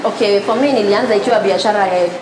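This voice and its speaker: A woman's voice: mid-range voice, fast. Kenyan woman interviewed amid echo and chatter. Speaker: guest, porridge seller. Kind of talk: casual interview answers. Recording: echoey room, crowd chatter behind.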